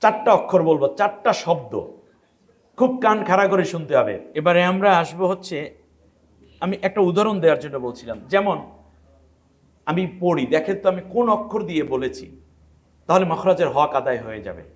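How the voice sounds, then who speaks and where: Man from Bangladesh, Quran teacher, fairly high voice, quizzes the class, demonstrates letter sounds. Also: animated, brisk, long pauses.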